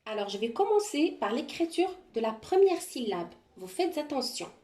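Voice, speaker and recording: A woman's voice: high-pitched, sing-song, dark tone. A woman teacher giving a handwriting lesson, explaining each stroke patiently, step by step. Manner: slow, patient step-by-step instruction.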